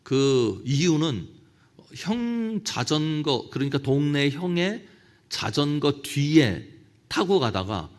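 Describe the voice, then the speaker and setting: Male pastor, middle-aged, seminar sermon; higher voice with wide swings, tells stories and acts out quoted prayers. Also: sing-song, slow. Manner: storytelling, with quoted prayers acted out. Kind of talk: lecture-style sermon at a church officers' seminar.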